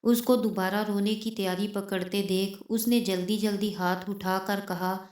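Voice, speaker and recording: A woman storyteller reading a scripted story in a steady, emotive manner. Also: medium pitch, measured pace, roomy sound.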